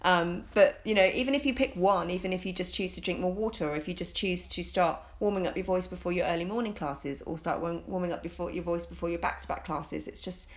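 A woman's voice: on the low side, fast talker, hardly any pauses. A woman, a vocal coach, explaining voice care in an upbeat, coaching manner on a podcast. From United Kingdom. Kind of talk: podcast conversation. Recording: dull lo-fi sound.

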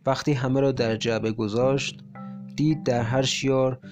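A man reads a translated short story in a measured, steady audiobook voice of middle pitch. Soft plucked guitar runs quietly under his narration throughout. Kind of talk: scripted narration. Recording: faint guitar music bed. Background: soft guitar music.

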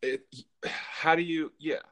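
A man's voice: a little high, steady tone, takes it slowly, fairly bright tone. A man hosting a casual podcast, telling a story in a rambling way with lots of fillers and restarts. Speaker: podcast host.

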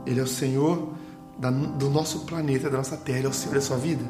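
A man preaching a sermon, animated, acting out voices of Bible characters and asking the listeners questions. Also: mid-range voice, quick pace, reverberant, over music.

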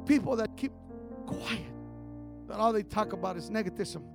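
A male pastor preaching fervently, swinging between loud shouts and low murmurs. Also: unhurried, creaky, music in the background. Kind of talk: bilingual sermon.

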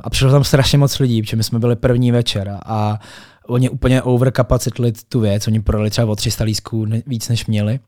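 A man recalling a club night with lively storytelling energy, tossing in borrowed English words. His voice sits at an ordinary mid pitch. The recording is dry and close, with almost no room sound. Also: no room sound. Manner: animated storyteller, colloquial with English loanwords. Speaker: event organizer and DJ guest. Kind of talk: casual podcast conversation.

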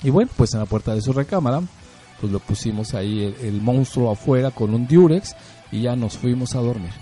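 A middle-aged man with a Mexican accent hosts a relaxed talk, his voice very dark and mellow. He tells stories in a chatty, conversational way, often tagging his points with rhetorical questions. Faint music plays underneath. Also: mid-range voice, fairly quick. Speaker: host. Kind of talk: casual talk about parenting.

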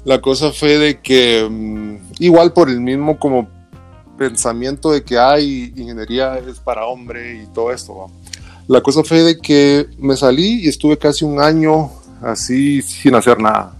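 An interview guest from Guatemala chats casually and unhurriedly, telling personal anecdotes in a colloquial way sprinkled with little tag words. His voice sits in the middle range, and faint music plays in the background.

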